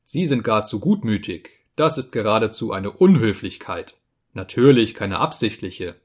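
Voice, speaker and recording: Man reading a gruff companion, grumbling, blunt. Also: lowish voice, lively intonation, moderate pace.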